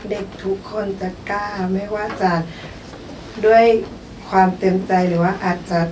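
A woman teacher answering questions in a coaching session, speaking softly in short replies. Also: mid-range voice, steady tone, a little slow, roomy sound, recorded from a distance, background noise. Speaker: teacher and workshop participant.

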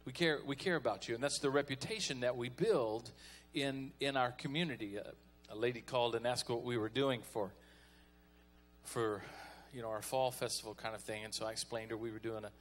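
A man's voice: mid-range voice, brisk. A man preaching a folksy, conversational sermon as pastor, calling on the congregation to respond.

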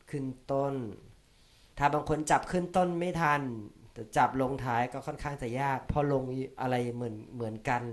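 A man talks through listening-test tactics in a relaxed, conversational teaching style. He keeps adding polite filler particles as he goes. His voice sits at an ordinary middle pitch. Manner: chatty, repeats polite sentence particles. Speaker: language teacher. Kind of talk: casual explanatory lesson.

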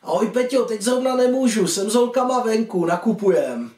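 A man's voice: high-pitched, pitched above the performer's own voice. A man voicing a chatty, bubbly teenage girl on the phone. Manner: bubbly, excited. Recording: echoey room, distant mic.

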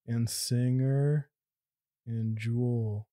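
A man voicing a shy androgynous changeling page who speaks in a flat monotone, in a tabletop game. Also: medium pitch, very slow, dry recording, clean studio sound.

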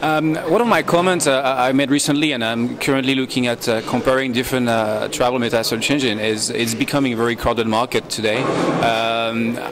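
A man interviewing a guest at a conference, asking long, halting questions full of fillers. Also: mid-range voice, fairly even intonation, a crowd in the background. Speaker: interviewer, travel blogger.

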